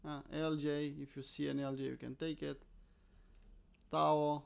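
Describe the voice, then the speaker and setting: Speaking a little slowly in a fairly high, level, smooth voice with vocal fry, a Romanian man hosts casual live trading talk. The crypto trader has a Romanian accent, keeps things informal and self-mocking, and often answers his own questions.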